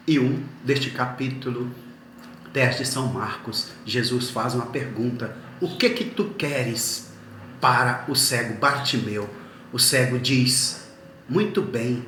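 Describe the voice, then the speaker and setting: A man preaching a sermon at an unhurried, deliberate pace, with a medium-pitched voice. His words ring in a roomy, echoing space, and a faint ambience sits behind him. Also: fairly bright tone, a little hiss or hum. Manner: slow, earnest storytelling. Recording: echoey room.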